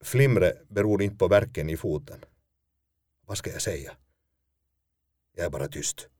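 A man's voice: deep voice, darkish tone, dry recording. A man, a stage actor, telling a first-person story in a dry, self-mocking way.

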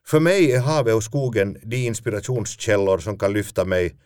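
A man's voice: on the low side, a little mellow, clear, resonant tone, no room sound. A man, a stage actor, telling a first-person story in a dry, self-mocking way.

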